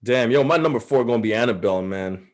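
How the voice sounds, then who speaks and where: A man co-hosts a relaxed talk show. His voice sits at an ordinary middle pitch. He talks in slangy, emphatic bursts and stretches out the words he wants to stress. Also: fast. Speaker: podcast co-host. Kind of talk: casual chat.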